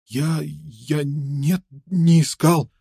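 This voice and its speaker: A man's voice: on the high side, fairly even intonation, drawn-out words, gravelly, dark tone, husky, no echo, studio quality, pitched above the performer's own voice, exaggerated voice. A man voicing a worn-out, toothless fur trader who stammers and pleads ingratiatingly in an audiobook. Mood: pleading.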